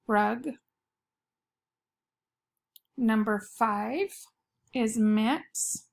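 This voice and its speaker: A woman teaching young pupils, giving spelling dictation in a fairly high voice with plenty of creak. She speaks at a slow pace, setting key words apart and repeating them with care. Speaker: elementary school teacher.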